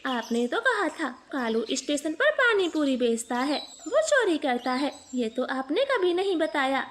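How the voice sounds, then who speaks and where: A woman voicing a sensible female sparrow in a cartoon who speaks calmly and scolds firmly. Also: high-pitched, a little slow, a little hiss or hum. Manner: calm, then firmly scolding.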